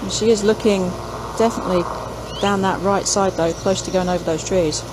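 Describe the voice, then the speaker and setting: A woman's voice: medium pitch, fairly even intonation, brisk. A woman working as a golf commentator, giving conversational analysis of players and shots. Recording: clear outdoor background noise.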